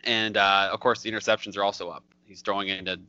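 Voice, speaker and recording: Male podcast co-host, lowish bright voice, chatty and hedging, muffled dry recording. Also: level tone, quick pace, clear, resonant tone, no room sound. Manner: chatty, hedging, lots of "like" and "you know". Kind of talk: casual sports podcast talk.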